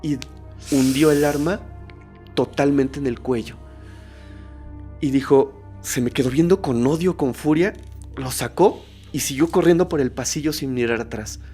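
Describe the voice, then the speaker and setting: A man's voice: medium pitch, unhurried, warm tone, slightly rough, soft background music. A man voicing a desperate wounded male burglar who begs for help, in a spoken horror story. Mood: confessing. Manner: frantic, begging.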